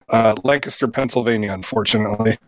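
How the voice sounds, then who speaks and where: A man co-hosting a casual online chat on a gaming headset, his voice robotic and metallic from a bad connection, halting and self-deprecating. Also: fairly low pitch, dry recording. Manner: halting, self-deprecating, stumbles over restarts. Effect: robotic, metallic-sounding voice from a bad connection. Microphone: gaming headset over an online call.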